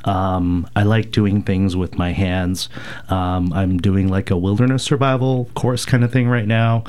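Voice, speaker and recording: Low-voiced man, hesitant with many ums. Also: steady tone, a little slow, darkish tone, smooth. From rural Alberta, Canada. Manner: thoughtful, hesitant, many fillers. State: getting over a cold. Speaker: radio station board president, guest. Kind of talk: casual radio interview answers.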